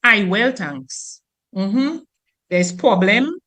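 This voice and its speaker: A woman from Dominica with a Dominican accent, a teacher giving an animated radio talk who acts out everyday sayings. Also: mid-range voice, drawn-out words.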